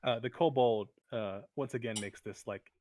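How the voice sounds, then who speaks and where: A man running a tabletop game as game master, narrating in a halting way with many fillers. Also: mid-range voice, noisy background.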